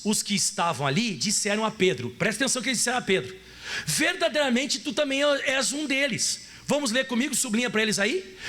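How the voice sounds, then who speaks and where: This male pastor from Rio Grande do Sul in southern Brazil speaks with a Gaúcho Brazilian Portuguese accent and an extremely high-pitched voice. His sermon is animated and playful: he acts out voices and puts questions to the congregation.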